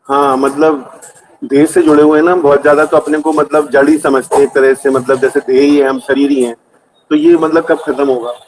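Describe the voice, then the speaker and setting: A man's voice: a little high, steady tone, brisk, low-quality recording. A man asking questions at a satsang, hesitant and full of fillers, often murmuring agreement. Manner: hesitant, filler-heavy questions, many soft "hmm" acknowledgements.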